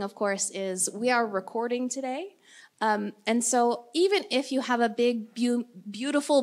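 A woman organizing an event, announcing logistics in a friendly, lightly joking way into a handheld mic in a large community hall. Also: fairly high pitch. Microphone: handheld microphone.

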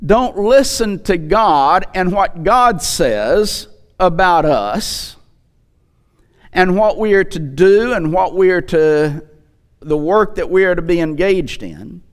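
The preacher, a man in his sixties, has a high-sitting voice and speaks slowly yet animatedly into a headset microphone. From the pulpit he drives his sermon home with repetition and rhetorical questions.

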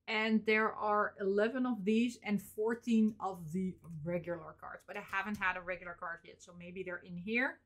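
A woman's voice: medium pitch, fairly bright tone. Rambly mom vlogger in her 30s, chatty unboxing talk, lots of ums and little giggles. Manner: chatty, rambling, frequent fillers and small laughs. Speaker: vlogger showing convention purchases. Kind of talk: casual unboxing chat.

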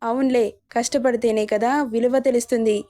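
A proud, domineering young tycoon sneers and taunts, played by a woman narrator in her own slightly high voice. His lines come out with little melodic movement. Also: fairly even intonation, normal speed, dark tone, lightly acted. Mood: smug taunting. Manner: taunting, smug. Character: arrogant rich young businessman, smug villain.

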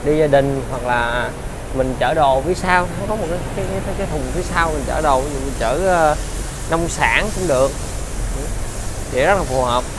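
A man with a southern Vietnamese accent giving a used-car sales walkaround, halting often with fillers as he talks. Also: on the high side. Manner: halting, filler-heavy delivery. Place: large car detailing workshop. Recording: loud ambient hiss and vehicle noise. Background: steady workshop and vehicle noise.

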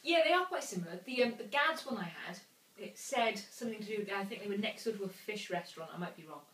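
Woman in her 30s, medium pitch, casual review chat, roomy kitchen sound, distant mic. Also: animated, fast, a bit bright. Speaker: beer reviewer. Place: home kitchen, indoors. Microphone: camera a few feet away. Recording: echoey kitchen, distant camera mic, faint noise.

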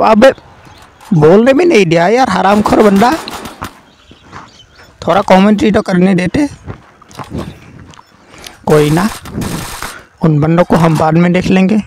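A man giving casual, excitable gameplay commentary, swearing and yelling at his teammates as he plays. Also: sits high, slight background noise, low-quality recording. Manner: excitable, swears and yells at teammates mid-game. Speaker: gaming commentator.

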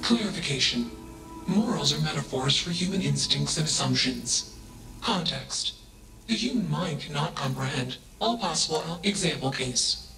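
An actor voicing an AI that speaks in a flat, emotionless monotone and opens each statement with a label word. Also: male voice, on the high side, normal speed. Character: flat emotionless male AI in a derelict ship. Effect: synthetic, echoing machine voice. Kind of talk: video game dialogue. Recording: echoey room with game music.

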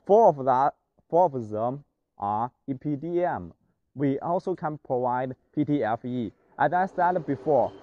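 A young man with a fairly high, warm voice leads a walking tour through a large indoor factory warehouse, speaking English even though it isn't his language. He hesitates a lot, filling gaps with "uh" and restarting sentences. The recording has a lo-fi quality.

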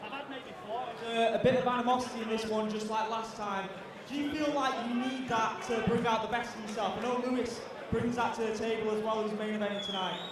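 Very high-pitched male interviewer, heavy echo. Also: steady tone, brisk, background noise. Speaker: post-fight interviewer. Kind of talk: upbeat live sports interview. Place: large indoor cage-fight venue. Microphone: handheld. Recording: very echoey hall PA, distant, loud crowd.

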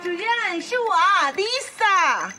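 A woman's voice: very high-pitched, big pitch swings, slow, heavily acted. An actress with a Northeastern Mandarin accent playing a pushy, nosy village woman who nags and teases. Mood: insistent. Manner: insistent, nagging, teasing. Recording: music underneath.

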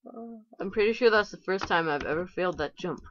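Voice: medium pitch, fairly quick, fairly bright tone, a little hiss or hum. Chatty self-talking gamer on a dull mic. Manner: chatty self-talk, playfully frustrated. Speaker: gameplay commentator. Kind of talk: casual let's-play commentary.

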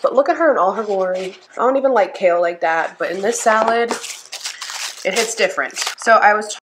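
A woman's voice: mid-range voice, quick pace, noisy background. A woman YouTuber chatting casually with viewers while eating, talking between bites. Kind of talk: casual eating chat video.

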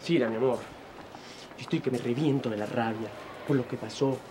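An actor playing an apologetic lover who tenderly begs for trust, in a telenovela. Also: male voice, mid-range voice, brisk, background noise, close to an everyday voice. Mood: pleading. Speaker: Abel, Cira's lover. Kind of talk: telenovela acting.

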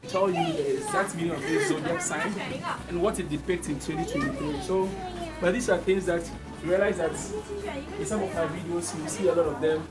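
In a casual walkthrough vlog, a young adult vlogger from Ghana wanders a big indoor supermarket, recording himself on a handheld phone. His voice is high, sing-song, and a little fast, and he addresses viewers directly with frequent restarts over loud background music and a noisy crowd.

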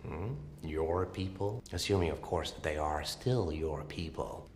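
An actor playing a scarred, unhinged criminal clown in a film, his speech erratic, drawling, and breaking into sudden shouts and whispers. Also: a bass voice, measured pace, slight background noise. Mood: taunting. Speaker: villain. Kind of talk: film acting. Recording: film dialogue with score behind. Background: film score music.

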